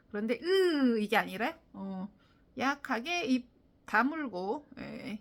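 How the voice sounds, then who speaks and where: A Korean-speaking woman teaching English listening to viewers, with many fillers, who demonstrates English sounds and stress out loud. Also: on the high side. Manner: frequent fillers, talks directly to viewers. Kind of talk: video lesson on English listening.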